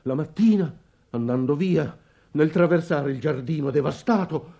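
An actor playing an anguished old merchant father in a radio play, speaking with dramatic swells and hushed moments. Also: fairly high pitch, moderate pace, vocal fry. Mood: dread.

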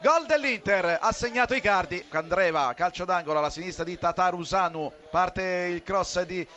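Very high, bright Italian male football commentator. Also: moderate pace. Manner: excited, urgent, repeats players' names. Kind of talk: live goal commentary.

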